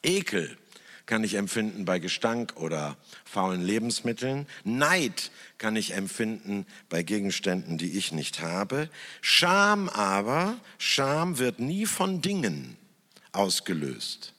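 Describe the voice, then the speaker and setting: Slow, reflective man in an echoing hall. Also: fairly low pitch. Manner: slow, thoughtful, with lively emphasis and long pauses. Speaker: speaker who works in church television. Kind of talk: reflective talk in front of an audience. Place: stage in a hall. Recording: long hall reverb.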